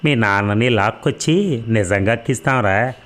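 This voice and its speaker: A man's voice: lowish voice, normal speed, fairly bright tone, natural voice. Brief: brutal, mocking male cop interrogating a suspect, read by a man. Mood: taunting. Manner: taunting, threatening, sneering. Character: harsh, abusive male police interrogator.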